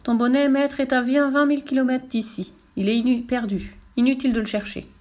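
A woman's voice: high-pitched, steady tone, brisk, a little mellow, pitched above the performer's own voice, natural voice. An unseen servant spirit from a fairy-tale storybook answers promptly and devotedly, as a woman reads it. The voice is helpful and a little raised.

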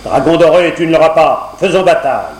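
A man's voice: fairly high pitch, expressive, fairly quick, lightly acted. A man voicing a sinister male master of the night, commanding and menacing, on a roomy cassette recording with a faint hum.

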